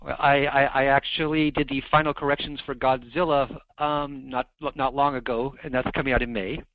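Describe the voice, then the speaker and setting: A man's voice: mid-range voice, flat delivery, normal speed, no room sound. Male guest heard over a landline phone, dull dry sound, easygoing and self-deprecating. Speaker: guest author. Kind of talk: casual interview chat. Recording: muffled landline phone line.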